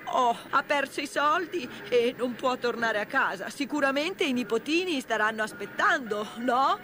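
A woman voicing a gruff but kindly male train driver who talks in a brisk, emphatic way during a storybook reading. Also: sits high, expressive, pushed and bright, slight background noise, voice pushed up. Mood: sympathetic. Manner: brisk, emphatic, calls out orders.

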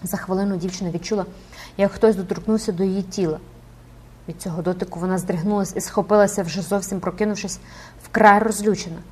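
A woman's voice: medium pitch, steady tone, fast talker, darkish tone, breathy edge. A woman narrating an audiobook dramatically and expressively, rising with the action.

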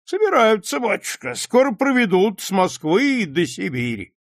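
Dry, mocking young son, pitched higher than the narration, voiced by a male reader. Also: very animated, moderate pace, no echo. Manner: dry, mocking, serious-faced. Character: sardonic young nobleman son, grim and sharp-tongued.

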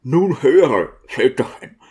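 A man voicing a grieving, devout deacon who pleads in a hushed, trembling voice at a coffin. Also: mid-range voice, big pitch swings, takes it slowly. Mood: solemn.

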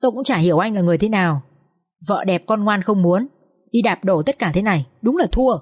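A woman voicing a stern older village man who scolds bluntly and briskly, in a breathy voice. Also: medium pitch, natural voice. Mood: scolding.

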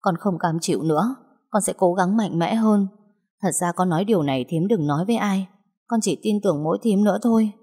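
A woman's voice: mid-range voice, a little fast, warm tone, husky, lightly acted. A woman voicing a frightened sixteen-year-old girl who stammers through her tears, in a storybook reading. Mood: tearful pleading. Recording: long hall reverb.

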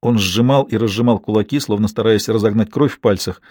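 Dry, expressive male audiobook narrator. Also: lowish voice, fairly quick, dry recording. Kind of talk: dramatic novel reading.

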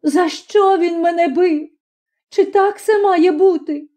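Sanda, a young village woman crying out in shrill, tearful protest, her voice climbing far above a normal speaking pitch, as a woman narrator puts her on. The outcries are loud and strained, read at an unhurried pace within an audiobook telling. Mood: sobbing. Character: young peasant woman, wronged, sobbing. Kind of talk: audiobook character voice.

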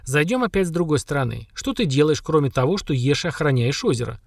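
A man's voice: on the high side, animated, quick pace, vocal fry, no echo, studio quality. A man voicing a confident young hero with an ironic, questioning, grumbling manner. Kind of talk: audiobook character voice.

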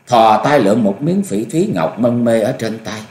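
A man narrating a martial arts story with an expressive, dramatic reading. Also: medium pitch, normal speed. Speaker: audiobook narrator. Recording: echoey room.

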